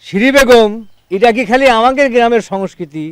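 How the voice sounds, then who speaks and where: An actor playing a reformed club president who speaks politely and formally, like giving a little speech. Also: male voice, very high-pitched, fairly quick, fairly bright tone, smooth, no room sound. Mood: earnest, polite. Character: earnest reformed young man, club president.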